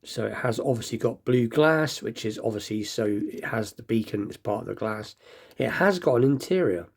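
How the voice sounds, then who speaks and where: The host of a diecast toy collecting show talks animatedly at a normal pace in a mid-range voice. His casual show-and-tell is rambling and understated, marked by a slight lisp, as if from a freshly bitten tongue.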